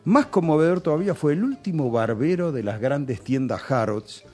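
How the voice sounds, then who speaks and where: Faint music plays behind a Rioplatense-accented radio host as he tells nostalgic stories in a chatty style full of local slang. His fairly high, dark-toned voice swings widely in pitch at a normal speed.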